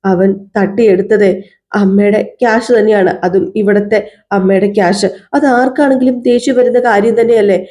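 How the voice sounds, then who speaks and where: A woman's voice: mid-range voice, steady tone, normal speed, warm tone, close to an everyday voice. A woman voicing a wounded young wife who pleads plaintively with her husband. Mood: earnest.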